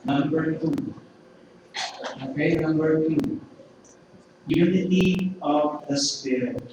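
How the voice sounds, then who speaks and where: A man's voice: a little high, takes it slowly. A man with a Filipino accent preaching a sermon in a chatty way, often checking in with the congregation with little tag questions. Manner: conversational, peppered with "okay?" and "no?" tag questions. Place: large church hall. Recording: echoey hall, mic at a distance, noisy live stream.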